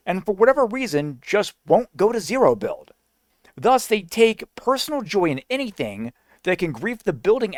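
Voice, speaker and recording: A man's voice: high-pitched, no echo, studio quality. A man giving an indignant, argumentative reaction commentary, now and then mocking others in a sing-song voice.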